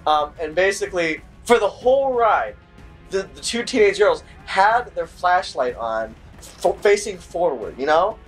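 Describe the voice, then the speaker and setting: Brief: male gaming co-host, a bit high-pitched, animated and fed-up storyteller, faint music behind. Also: unhurried. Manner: bursts into shouting at the game. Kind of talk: casual chat while playing a game.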